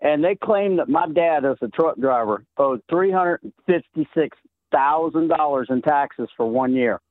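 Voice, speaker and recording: Over a tinny phone line, a Southern middle-aged caller chats with a show host, telling stories and laughing frequently. His slightly high voice is unhurried, and the recording is dry.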